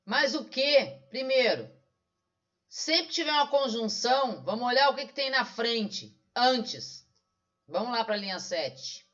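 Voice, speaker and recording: A man with a Brazilian accent teaches an online lesson, solving an exam question by question. His voice sits unusually high for a man. He keeps asking his own questions and answering them, and the recording sounds dull and lo-fi. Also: expressive, a little slow, bright, forceful tone. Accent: Brazilian Portuguese.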